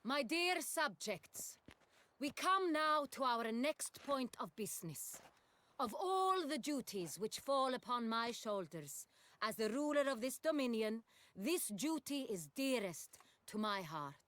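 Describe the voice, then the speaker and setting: An actress voicing a self-assured, gracious duchess in a video game, with stately, poised, formal delivery. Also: female voice, on the high side, very animated, a little slow, fairly bright tone, no echo. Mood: proclaiming, stately.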